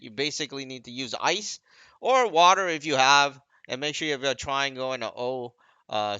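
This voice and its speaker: Over gameplay, a man who makes gaming videos offers loose, unplanned commentary, rambling and doubting his own phrasing along the way. His mid-range voice is bright, forward, clear, and resonant. The sound is dry and a bit dull, suggesting a simple home setup.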